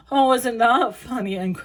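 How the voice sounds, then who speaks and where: A woman's voice: on the high side, noisy background. A young woman giving a casual tarot reading, rambling with many fillers, laughing often and swearing now and then. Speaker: tarot reader.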